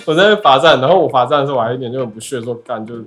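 A man telling a comic story on a podcast, animated and laughing as he goes. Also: medium pitch, racing. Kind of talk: casual comedic storytelling.

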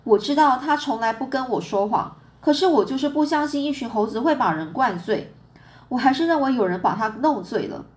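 A woman's voice: high-pitched, expressive, brisk, pitched above the performer's own voice. A stern, exasperated mother, as a woman reader puts her on. She speaks firmly and scolds. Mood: worried.

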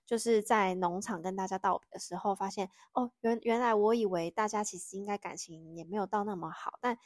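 A woman's voice: mid-range voice, fairly even intonation, a little fast, dry recording. A young Taiwanese woman speaks as a podcast guest in a mid-range voice, recorded dry and close. She has a Taiwanese Mandarin accent and a reserved, plain way of telling things. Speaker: guest, host's sister. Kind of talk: casual chat. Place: living room of a home.

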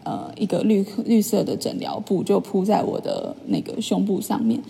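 A young woman, chatting in a vlog as she retells a personal story with lively, filler-filled asides. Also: medium pitch, moderate pace, vocal fry, slightly rough, long reverb tail. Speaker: vlogger. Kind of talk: casual storytelling monologue.

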